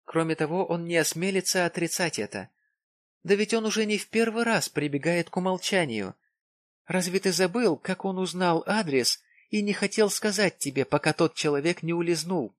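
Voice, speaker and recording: A man voicing a suspicious, sharp-tongued wife in an audiobook, with a raised pitch and icy, pointed delivery. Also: moderate pace, no echo, clean studio sound, close to an everyday voice. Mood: accusing.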